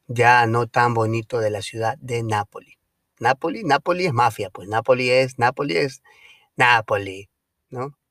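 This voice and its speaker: Male podcast host, casual storyteller, mid-pitched voice, dry close sound. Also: dry recording. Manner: chatty, lively, with frequent fillers and swearing.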